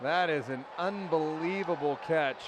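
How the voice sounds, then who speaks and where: Chatty high-voiced color commentator man. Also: a little slow, a loud crowd, heavy background noise. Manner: analytical, chatty, repeats words as he goes. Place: indoor arena broadcast booth.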